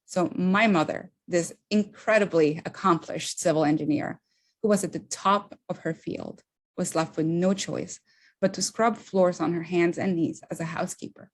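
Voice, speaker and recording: A woman from Honduras, an immigration attorney, giving a prepared speech in an earnest, measured way that slows for emphasis. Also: on the low side, breathy edge.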